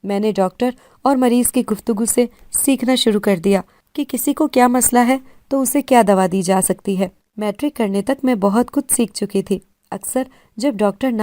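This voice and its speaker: Self-assured teen girl, calm explainer, soft dark tone; a woman narrator voices her. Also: medium pitch, dry recording, clean studio sound, lightly acted. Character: confident fifteen-year-old girl running a clinic.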